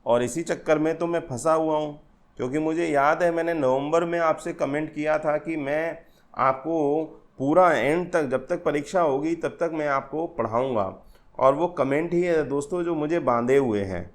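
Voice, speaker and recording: A man teaching literary terms for an exam, explaining slowly in a mix of Hindi and English and often calling his viewers friends. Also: fairly high pitch. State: tired from late nights. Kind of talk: exam-prep literature lesson.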